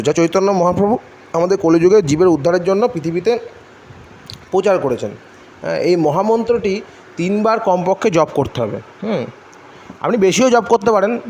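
High-voiced Bengali man teaching devotional rules. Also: darkish tone. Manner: unhurried, asks and answers his own questions, chants mantras. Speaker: religious teacher. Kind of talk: devotional instruction video. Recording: faint background noise.

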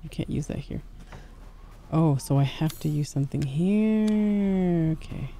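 A woman's voice: low voice, measured pace, mellow, slight background noise. A woman streaming a video game, chatting casually and joking with her viewers. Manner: chatty, joking, often laughing. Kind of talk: casual gameplay commentary.

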